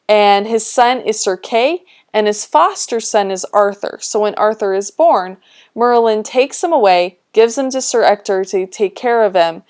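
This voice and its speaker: Woman, teacher, chatty lesson, smooth clear voice, mid pitch. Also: a little mellow. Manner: chatty, reads old quotes aloud with playful voices. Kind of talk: explaining a text while scrolling a document.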